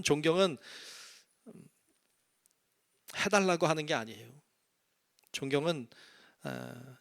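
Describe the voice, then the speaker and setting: A man's voice: mid-range voice, vocal fry, fairly bright tone. A middle-aged man, a senior pastor, preaching a sermon in a conversational way, addressing the congregation and acting out little quoted voices. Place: church sanctuary.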